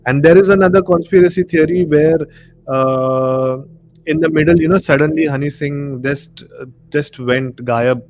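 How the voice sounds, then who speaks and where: This man's voice sits fairly high and sounds a little mellow, moving at a moderate pace. He has an Indian accent and hosts a casual live discussion, wandering a little and repeating words for emphasis. Room ambience and background noise are clearly present.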